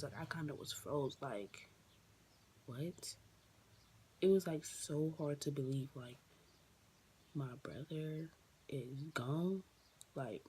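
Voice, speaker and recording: Emotional young woman, halting storytime. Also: deep voice, mellow, a little hiss or hum. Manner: halting, with many fillers and restarts. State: emotional, near tears. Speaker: vlogger telling a personal story. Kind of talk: casual storytime monologue.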